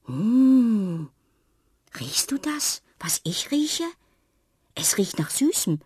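A cheerful, curious little girl in a storybook, as a woman narrator puts her on. The voice rides higher than the narrator's own and stays close and dry. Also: very slow, breathy edge, dry recording, exaggerated voice. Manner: bright and lively, sometimes whispering.

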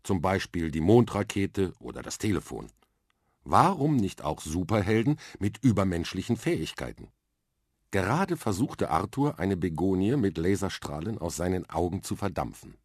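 A man reading a children's story aloud, with lively, expressive narration at a close studio mic. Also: low-pitched, moderate pace, husky, dry recording. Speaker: reader.

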